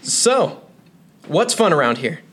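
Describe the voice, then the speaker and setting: A man's voice: fairly high pitch, sing-song, takes it slowly, fairly bright tone, full character voice. A young man playing an earnest, reassuring teenage boy in a naturalistic drama.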